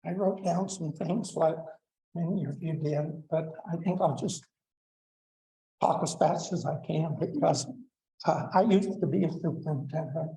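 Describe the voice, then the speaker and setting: A man's voice: a little high, unhurried, creaky, dark tone, roomy sound, a little hiss or hum, poor audio. A man in his seventies giving a plainspoken, blunt public comment at a school board meeting, with frequent "uh" fillers. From Colorado, United States. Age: 70s. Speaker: public commenter, retired superintendent.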